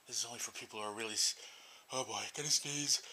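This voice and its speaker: A man casually talking to the camera while his eyes water and his nose runs, in a slow, breathy way. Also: mid-range voice, pushed and bright. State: teary-eyed, runny nose. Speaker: vlogger. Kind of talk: casual self-recorded commentary.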